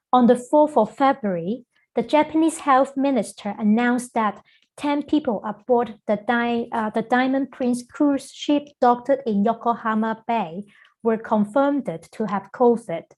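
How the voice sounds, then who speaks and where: A middle-aged woman from Hong Kong gives an online lecture over a video call. Her voice sits somewhat high, and she speaks in a measured way, with frequent fillers between phrases. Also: darkish tone. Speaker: guest lecturer.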